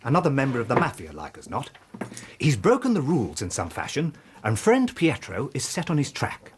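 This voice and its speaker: An actor playing a bluff, self-satisfied Victorian police inspector with an English accent and a husky voice, in a radio drama. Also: male voice, mid-range voice, wildly swooping pitch, fairly quick, slight background noise. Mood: pompous, explanatory. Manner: blunt, pompous.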